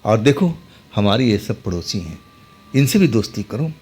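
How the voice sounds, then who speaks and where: A man's voice: on the low side, sing-song, normal speed, darkish tone, husky. A man voicing a beautiful young female ghost who turns into a witch, speaking in a coaxing, sinister way.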